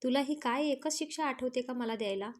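Woman reading jealous hot-headed husband, raised demanding delivery, highish. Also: brisk, close to an everyday voice. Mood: angry. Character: possessive hot-tempered young husband.

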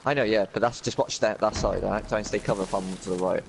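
A matey man talks quickly to his gaming squad in a slightly low voice. He swears chummily and fires off excited tactical callouts. Clear game gunfire and clicks sit behind him. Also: slight background noise. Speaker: online squad gamer.

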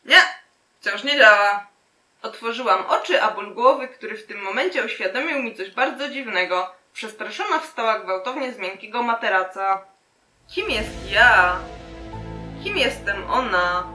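A young woman in her twenties reads fanfiction aloud and cuts in with deadpan, sarcastic remarks. Her voice is bright and a little high. She sounds roomy and set back from the camera mic. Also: normal speed, recorded from a distance, soft background music. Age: 20s. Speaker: channel host. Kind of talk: comedic reading of fanfiction with commentary. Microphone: camera mic at a distance. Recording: roomy, recorded away from the mic.

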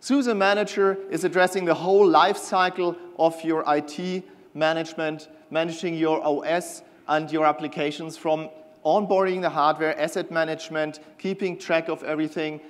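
A middle-aged man giving a conference keynote on a large stage, enthusiastic and a little halting with fillers. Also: a little high, steady tone. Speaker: keynote presenter, product manager. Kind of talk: conference keynote with scripted banter. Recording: long hall reverb.

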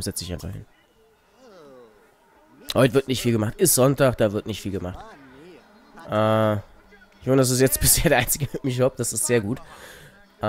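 A man giving casual, wry commentary while playing a life-simulation game, muttering to the characters on screen. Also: mid-range voice. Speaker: let's play host.

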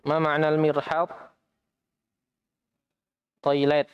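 A man's voice: fairly high pitch, monotone, takes it slowly, smooth, dull audio. A man teaching an Arabic language class in a mosque, patiently repeating students' answers and correcting them. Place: mosque study session.

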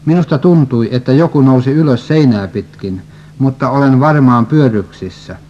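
A man's voice: mid-range voice, mellow, slight background noise, natural voice. A man reading the lines of a distraught woman searching for her lost child, in a plain read-aloud way, on a dull lo-fi recording. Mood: desperate.

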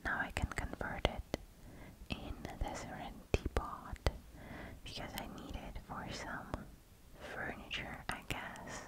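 A woman gives whispered ASMR game commentary in a soft, breathy voice, close to the microphone, gently murmuring to herself as she plays. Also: takes it slowly, poor audio. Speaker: gamer narrating gameplay.

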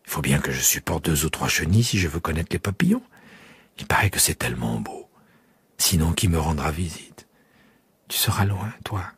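A man's voice: a bass voice, expressive, moderate pace, a bit bright, breathy edge, no room sound, voice pushed down, full character voice. A man doing a proud fragile flower. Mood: proud tender. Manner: proud yet tender, hiding tears. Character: proud, fragile female flower, coughing and tender. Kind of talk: audiobook character voice.

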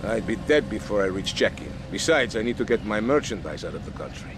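A middle-aged Latin American colonel played by a man in a video game, courtly and theatrical, with a Spanish accent. His delivery swings widely up and down, and vehicle noise sits clearly behind him. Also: lowish voice, animated, a little fast, close to an everyday voice. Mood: grave, suave. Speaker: game character. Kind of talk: video game cutscene acting. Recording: game audio over loud vehicle ambience.

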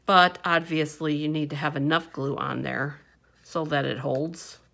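Woman craft instructor, relaxed chatty step-by-step tutorial, unhurried delivery, bright voice, lowish pitch. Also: creaky. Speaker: papercraft instructor. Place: indoor craft table.

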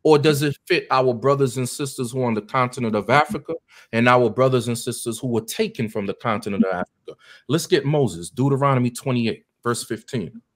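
A man's voice: medium pitch, brisk. An American man, a deacon, preaching earnestly and directly to guests at a meeting, with many ums and uhs. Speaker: deacon leading a Bible study.

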